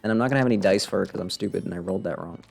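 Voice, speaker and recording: A video game livestreamer offers casual live commentary, thinking aloud self-deprecatingly as he mutters and exclaims over the game music. His deep voice races along with a gravelly edge.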